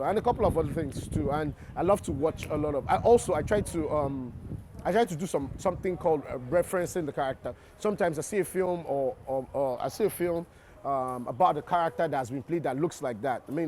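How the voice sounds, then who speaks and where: A Nigerian actor answers interview questions about his craft reflectively, often restarting sentences and repeating words. His voice is a little high and a little mellow, he speaks fast, and there's a slight hiss or hum.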